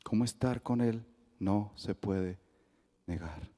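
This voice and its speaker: A man's voice: on the low side, slow pace, big-room sound. A man with a Colombian accent, a pastor preaching a sermon and acting out the dialogue as he tells the story. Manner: lively storytelling that acts out the dialogue. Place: church sanctuary.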